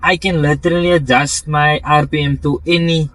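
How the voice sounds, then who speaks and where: A man's voice: fairly high pitch, fairly even intonation, normal speed, fairly bright tone, no echo, low-quality recording. A man explaining his car build in a casual interview, talking in stops and restarts with many fillers and technical terms.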